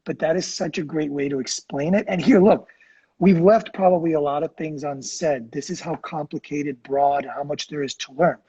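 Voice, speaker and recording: A middle-aged man co-hosting a casual conversation, chatty, expressive and self-deprecating. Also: on the high side, moderate pace, breathy edge, lo-fi sound. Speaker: co-host.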